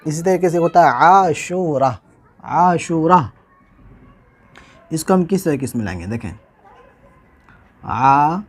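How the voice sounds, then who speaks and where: A man teaching Urdu handwriting, spelling each word slowly and repeating it, often asking how the letters are joined. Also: fairly high pitch, animated. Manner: slow, patient, repeats each word and asks "how will we join this?". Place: indoors, recording a tutorial without a camera.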